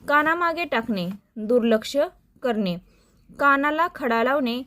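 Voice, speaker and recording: A woman teacher reciting a list of idioms and their meanings in a slow, dictation-like way for exam preparation. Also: high-pitched, expressive, pushed and bright.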